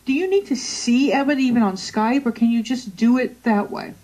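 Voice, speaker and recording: Chatty, higher-voiced woman host. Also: moderate pace, darkish tone, low-quality recording. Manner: chatty, laughs easily, asks rambling questions. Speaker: show host. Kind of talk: conversational interview.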